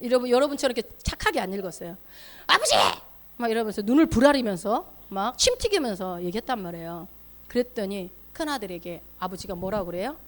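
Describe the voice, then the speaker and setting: A woman's voice: medium pitch, lively intonation, fast. A woman pastor preaching a sermon in a church, telling the story vividly and throwing questions at the congregation.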